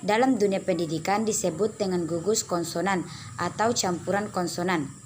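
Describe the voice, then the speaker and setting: A young woman presenting a phonology lesson as a student, reading steadily and slowing down on English example words. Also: fairly low pitch, a little hiss or hum.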